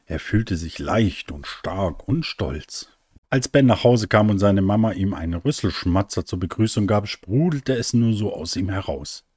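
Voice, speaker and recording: A man narrating a children's story in a calm, warm reading voice. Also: lowish voice, unhurried, slightly rough, no room sound, studio quality.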